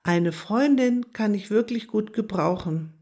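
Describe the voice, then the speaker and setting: A woman voicing a tiny, scatterbrained and shy hedgehog girl with a high, small voice in a storybook reading. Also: a little slow, warm tone, lightly acted. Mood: relieved. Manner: high small voice, at times whispering.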